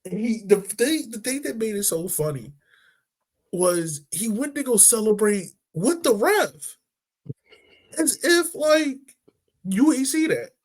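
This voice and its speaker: Slow and high-pitched with big swings in pitch, this man co-hosts a casual sports podcast. He's easygoing and talkative, filling his points with "like" and "right?"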